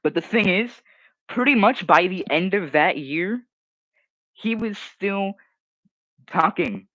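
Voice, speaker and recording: A man's voice: high voice, expressive, slow, bright, forceful tone, dry recording, muffled recording. A teenage streamer, casually reading comments aloud and mocking them, often restarting his sentences.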